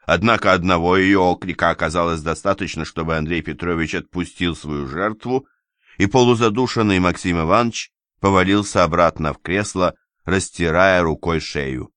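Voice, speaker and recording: A man reading a novel aloud in measured scripted narration. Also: low-pitched, a bit bright, dry recording, clean studio sound. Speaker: audiobook reader.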